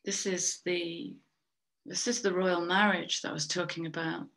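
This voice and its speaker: Low, gravelly-voiced woman reading tarot. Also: flat delivery, fairly bright tone. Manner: slow, musing, trails off and restarts; breathy little laughs between thoughts. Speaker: tarot reader and soul coach. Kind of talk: spiritual tarot card reading.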